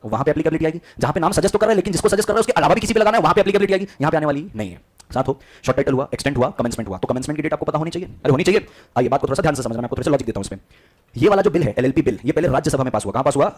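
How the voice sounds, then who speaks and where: A man's voice: on the high side, expressive, very fast. A man teaching a class, lecturing and constantly quizzing his students with repeated questions, mixing English terms into Hindi.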